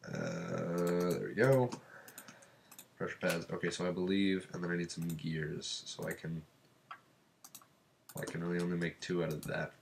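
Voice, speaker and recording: A man's voice: deep voice, steady tone, unhurried, gravelly, pauses often, slight background noise. A man with a stuffed-up cold giving casual let's-play commentary, rambling and thinking aloud while he counts and crafts. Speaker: gameplay commentator.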